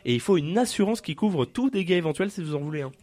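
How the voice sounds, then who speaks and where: Deadpan joking male radio host. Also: sits high, quick pace, no echo. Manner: deadpan absurd jokes, frequent "euh" fillers. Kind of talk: casual radio chat, reading a list.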